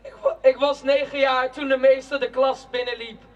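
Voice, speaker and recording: A young woman giving a protest speech in a slow, declamatory spoken-word style, with shouted chants between lines. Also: high voice, level tone, dull audio. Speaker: rally speaker. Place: outdoor city square at a demonstration. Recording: distant outdoor rally recording.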